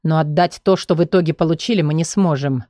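A woman reading an audiobook and voicing a calm, protective young male student mage who speaks softly and reassuringly. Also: low-pitched, quick pace, no echo, clean studio sound, pitched below the performer's own voice, close to an everyday voice. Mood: firm. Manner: soft, gentle, reassuring.

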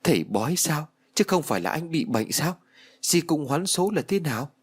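A man's voice: mid-range voice, sing-song, a little fast, husky. A man voicing an earnest, anxious young pregnant wife who speaks with urgency in an audiobook. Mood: urgent pleading. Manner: urgent, pressing.

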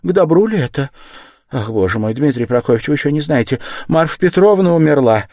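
A man's voice: a little high, lively intonation, a little fast, dark tone, no room sound, studio quality, voice pushed up. A man reading aloud voices an anxious, fussing older mother who exclaims in fluster.

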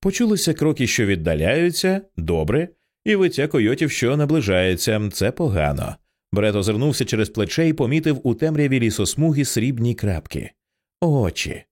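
A man narrating an audiobook in an expressive, tense storytelling style. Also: medium pitch, normal speed.

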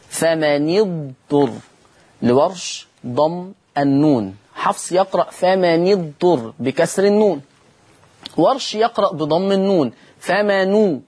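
A man's voice: high-pitched, breathy edge. A man with an Egyptian Arabic accent teaching Quran recitation rules on a broadcast lesson. He asks questions and answers them himself, and stretches out the example words as he recites them.

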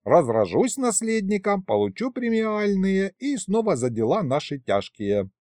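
A rustic female kikimora clerk, pregnant and brisk, speaks in fawning old-fashioned turns of phrase, voiced by a man reading an audiobook. Her voice is pitched up and swoops widely from high to low. The sound is close and dry. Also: very animated, darkish tone, no echo. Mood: dismissive. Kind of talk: audiobook character voice.

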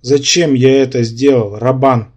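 Hoarse, bitter clawed monster hero in an audiobook, read by a man. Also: a little high, a little slow, darkish tone. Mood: moaning. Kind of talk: audiobook character voice.

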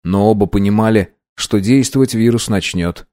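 A man narrating an audiobook in an even, measured storytelling manner. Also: on the low side, no echo, clean studio sound.

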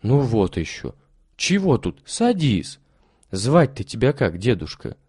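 A man voicing a kind, caring woman who talks gently and coaxingly in a storybook reading. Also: mid-range voice, huge pitch swings, unhurried, breathy edge, dry recording, studio quality, heavily acted. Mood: kindly. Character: kind, caring middle-aged woman host.

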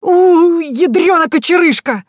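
A woman voicing a cranky old uncle who groans and complains in loud, folksy outbursts. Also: very high-pitched, lively intonation, measured pace, dry recording, clean studio sound, pitched above the performer's own voice. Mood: complaining.

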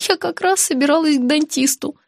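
A woman voicing a whimpering, squeaky heroine. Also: expressive, moderate pace, dry recording, clean studio sound. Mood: peevish.

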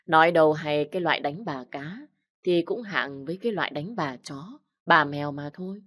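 A woman narrating an audiobook story in a steady storytelling manner. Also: low-pitched, dry recording, studio quality. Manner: steady storytelling, voicing every character.

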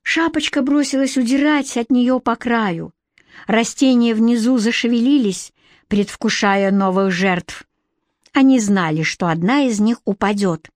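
Woman audiobook narrator, expressive, fairly high voice, dry studio sound. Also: measured pace, dry recording. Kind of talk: storybook narration.

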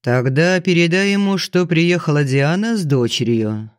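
A man's voice: a little high, animated, moderate pace, dry recording, clean studio sound, lightly acted. A man voicing an arrogant older banker with a curt, commanding, haughty manner in an audiobook. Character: arrogant older male banker, domineering and explosive.

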